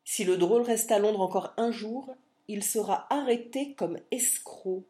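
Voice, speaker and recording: A woman's voice: mid-range voice, unhurried, warm tone, voice pushed up, close to an everyday voice. A woman voicing a haughty young male lord who speaks with contempt and disdain, in an audiobook reading. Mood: scornful.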